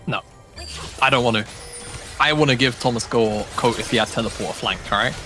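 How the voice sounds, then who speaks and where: A man casting an esports match at a studio desk, talking fast and laughing often between calls. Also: medium pitch. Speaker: esports caster. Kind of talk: play-by-play commentary and banter. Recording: faint music behind.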